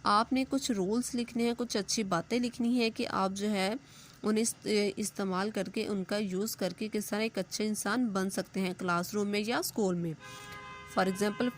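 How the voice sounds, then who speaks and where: A woman, a school English teacher giving a recorded lesson, patiently explaining step by step and reading English examples slowly. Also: mid-range voice, slight background noise. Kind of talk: recorded class lesson explaining grammar and homework.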